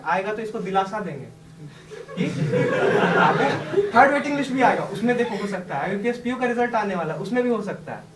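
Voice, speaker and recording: A young man telling a class the personal story of his exam success, chatty and laughing often as he talks. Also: high-pitched. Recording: echoey room, distant mic, background noise.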